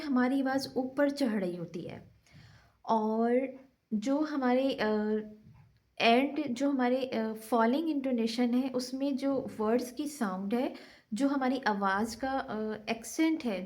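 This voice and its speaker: A woman's voice: fairly high pitch, a little mellow. A woman teacher explaining an English lesson step by step, repeating points in a patient, methodical way. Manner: slow, repetitive explaining mixing Urdu and English.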